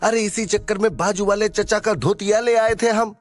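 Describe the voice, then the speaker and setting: A man voicing a nervous, flattering young sidekick with a Bihari accent, stammering and chatty in an audio drama. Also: extremely high pitch, slow, faint music behind, pitched above the performer's own voice, heavily acted. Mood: flustered.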